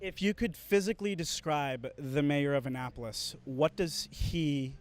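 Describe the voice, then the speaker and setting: A man's voice: on the high side, unhurried, slight background noise. A man interviewing passers-by outdoors on a busy street, asking playful, teasing questions. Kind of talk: street vox pop interviewing.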